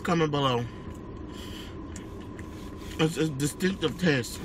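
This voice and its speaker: Chewing mid-sentence and letting out savouring hums, an American man talks casually to viewers in a mukbang video. He speaks slowly in a fairly high voice, with clear background noise and car ambience.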